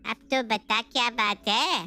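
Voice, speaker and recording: A gossipy neighbor woman in a cartoon story, voiced by a woman in a high register. She teases her friend freely and chatters about food. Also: slow, sharp tone. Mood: teasing. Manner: teasing, gossipy. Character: chatty greedy middle-aged woman neighbor.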